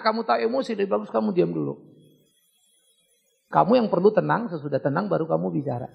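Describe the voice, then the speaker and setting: Gravelly-voiced pastor in a reverberant hall. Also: male voice, sits high, lo-fi sound. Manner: joking, lively teaching with asides. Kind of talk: sermon Q&A with congregation. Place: church hall.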